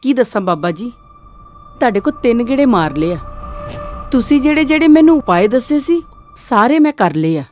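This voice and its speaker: An actress playing a jealous, complaining village wife who insists on being heard. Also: female voice, fairly high pitch, big pitch swings, moderate pace, pauses often, a little mellow. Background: film score music.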